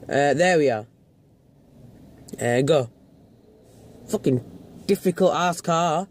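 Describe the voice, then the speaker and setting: A young man vlogs a running rant, swearing freely and mocking people in put-on voices. His voice sits a little high, and he drags his words out slowly with exasperated sighs between them. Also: slight background noise. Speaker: vlogger. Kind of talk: ranting commentary.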